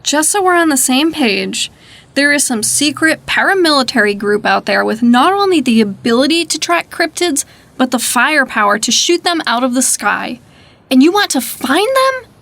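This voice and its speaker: A woman's voice: high voice, very animated, normal speed, vocal fry, fairly bright tone, heavily acted. An actress playing a sarcastic, skeptical young woman investigator in an audio drama. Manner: dry, sarcastic.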